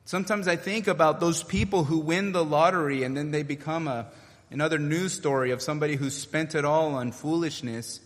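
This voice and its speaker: A man's voice: fairly high pitch, fairly even intonation, a little fast, long reverb tail. A man preaching a sermon in an earnest way, building his points through rhetorical questions.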